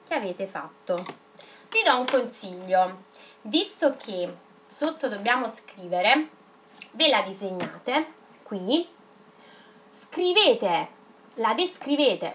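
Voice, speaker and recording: A woman teaching young children in a video lesson, dictating words slowly and spelling them out syllable by syllable. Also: on the high side, fairly bright tone, slight background noise. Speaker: primary school teacher.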